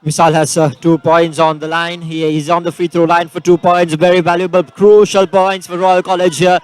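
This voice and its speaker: A man's voice: fairly high pitch, level tone, moderate pace, clear, resonant tone, no echo. A man calling a school basketball final live, rattling off passes and scores with frequent fillers. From Sri Lanka. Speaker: basketball commentator. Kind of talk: live sports play-by-play.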